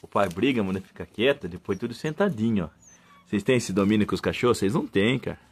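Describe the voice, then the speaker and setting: Bossy Brazilian dog breeder. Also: male voice, fairly low pitch, lively intonation, quick pace, slightly rough. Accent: Brazilian Portuguese. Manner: loud, bossy commands to the dogs, then blunt lecturing. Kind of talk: casual vlog talking to his dogs.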